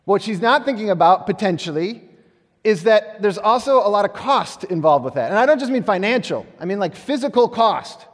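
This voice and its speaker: A man's voice: sits high, lively intonation, fairly quick. A man in his thirties preaching a sermon in a church, conversational and self-deprecating. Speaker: pastor. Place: church sanctuary. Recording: echoey hall.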